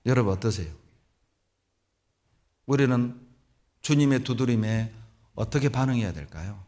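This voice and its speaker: A middle-aged male pastor preaching a sermon in a church, telling Bible stories with animated delivery. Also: medium pitch, normal speed. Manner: animated storytelling, acts out biblical voices. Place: church sanctuary.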